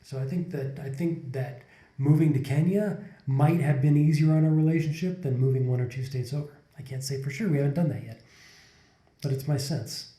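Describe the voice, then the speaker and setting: Sitting on a couch in an indoor room, a man in his forties co-hosts a podcast in casual, reflective conversation, rambling and frequently starting his sentences over. His voice is on the high side, brisk and warm. A desk condenser mic set in front of the couple gives it a roomy sound.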